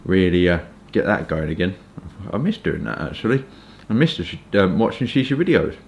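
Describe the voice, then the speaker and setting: A man from Kent with a southern English accent, chatting informally and hesitantly in a rambling casual review, with stop-start pauses. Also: sits low, expressive, gravelly, slight background noise. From Kent, England. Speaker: pipe tobacco reviewer.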